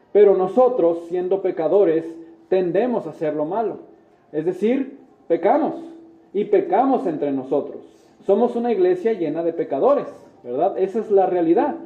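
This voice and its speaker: An earnest male pastor preaching in a slightly high voice. His sermon rings through an echoey church, and the sound is thin and tinny, like a phone line. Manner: earnest, addresses listeners as brothers, frequent "¿verdad?". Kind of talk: sermon with prayer. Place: church sanctuary.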